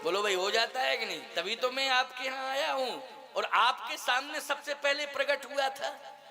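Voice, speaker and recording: A man's voice: very high voice, normal speed. A man preaching a devotional sermon, telling stories animatedly, laughing often and putting questions to his listeners. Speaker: religious preacher. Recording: music playing behind.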